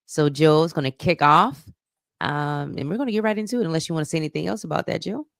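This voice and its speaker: A woman with a low, gravelly voice co-hosts a relationship podcast, chatting playfully and laughing easily. The sound is dry and close. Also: fast talker, no echo. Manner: laughs often, playful, self-described radio voice. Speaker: podcast co-host. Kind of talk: casual podcast chat.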